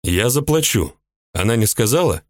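A soldier captain speaks calmly and patiently, trying to smooth things over, as a man reading an audiobook voices him. The delivery stays level in a close, dry recording. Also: fairly low pitch, moderate pace, no room sound, lightly acted. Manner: calm, placating.

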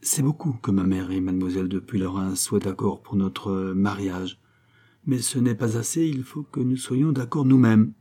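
A man's voice: fairly low pitch, normal speed, dark tone, close to an everyday voice. A man reading the part of a nervous young male count, an earnest suitor who pleads eagerly and lifts his voice as he talks.

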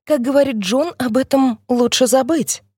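A woman voicing a shrill, brittle matron. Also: moderate pace, dark tone, breathy edge, no room sound, studio quality. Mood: curt. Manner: curt, firm, emphatic. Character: stiff, cold middle-aged woman, shrill and brittle.

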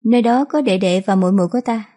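A woman's voice: medium pitch, quick pace, mellow, natural voice. A woman voicing a troubled young man who earnestly pleads to spare his younger siblings.

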